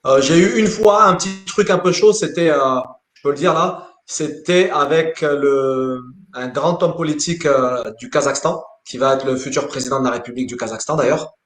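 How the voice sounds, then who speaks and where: A man, a sports coach, answering interview questions in a lively way, often repeating words as he thinks. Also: on the high side, moderate pace. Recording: roomy echo.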